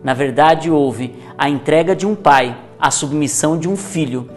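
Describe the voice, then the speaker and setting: A man with a Brazilian Portuguese accent, a church leader preaching earnestly and declaring a promise over the listener. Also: on the high side. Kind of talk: sermon.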